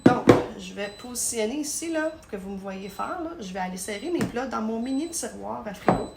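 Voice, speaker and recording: A woman's voice: fairly high pitch, lively intonation, normal speed, gravelly, heavy background noise. A woman with a Québécois French accent, chatting casually through a live product demonstration in her home kitchen, recorded on a phone, sometimes stumbling over her words.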